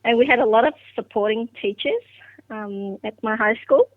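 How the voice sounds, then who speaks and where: A woman's voice: a little high, moderate pace, no room sound. A middle-aged woman from Vietnam, whose first language is Vietnamese, recalls her path into science in a podcast interview, reflective and full of fillers and restarts. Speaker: guest scientist. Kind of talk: podcast interview, personal story. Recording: dry, phone-like line.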